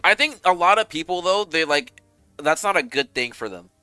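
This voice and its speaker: A young man chats with viewers on his game stream, animated, rambling and swearing freely. His fairly high voice moves at a normal pace and sounds smooth on a dry recording, with faint music behind him.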